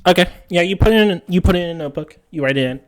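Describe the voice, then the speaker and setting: A man's voice: sits high, rapid-fire, a little hiss or hum. A man narrating as game master, describing scenes in a loose, meandering way.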